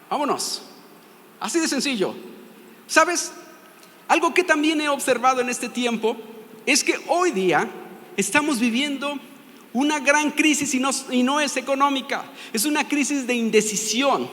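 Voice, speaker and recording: A man's voice: extremely high pitch, bright, forceful tone. A pastor with a Mexican accent preaching a sermon, stressing his points and putting questions to the congregation. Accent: Mexican Spanish. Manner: emphatic, asks the congregation questions. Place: church sanctuary. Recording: long reverb of a large hall.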